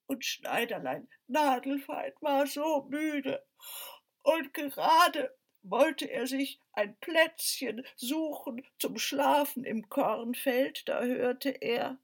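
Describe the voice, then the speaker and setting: A woman narrates a children's story in a slow, lilting way and speaks to her listeners directly. Her voice sits high. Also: creaky, breathy edge.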